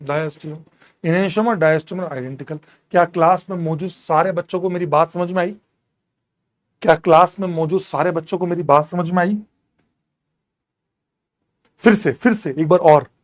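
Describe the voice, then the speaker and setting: High-voiced man teaching chemistry. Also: moderate pace, pauses often. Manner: repeats questions, quizzes students, animated. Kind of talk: classroom lecture.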